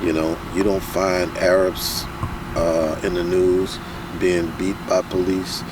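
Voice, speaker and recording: An American security professional with a low voice speaks slowly and in a level tone as a guest in a casual conversational interview. He's emphatic and repeats points for stress, recorded on a distant mic with loud street and car noise.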